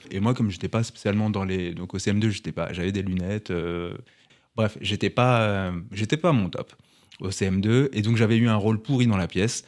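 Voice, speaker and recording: Low-voiced rambling male storyteller. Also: darkish tone. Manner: mock-grandiose, rambling storyteller. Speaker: podcast co-host. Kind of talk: casual banter.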